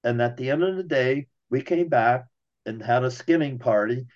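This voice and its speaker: A man's voice: mid-range voice, moderate pace, lo-fi sound. Folksy man telling a hunting story. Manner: folksy, addresses listeners as folks, laughs while telling. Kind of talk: casual storytelling.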